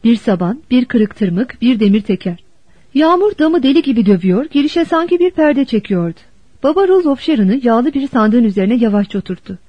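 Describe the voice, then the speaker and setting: A woman narrating a novel as an audiobook in a steady, expressive storytelling manner. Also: fairly high pitch, fairly quick, slightly rough, no echo. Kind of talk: scripted narration. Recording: dull dry lo-fi recording.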